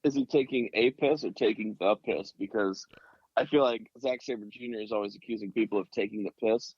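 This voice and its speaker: A man's voice: fairly low pitch, a little fast, a little mellow, slightly rough, dry recording, muffled recording. A man co-hosting a podcast with wry, crude humor in casual chat. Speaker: podcast co-host.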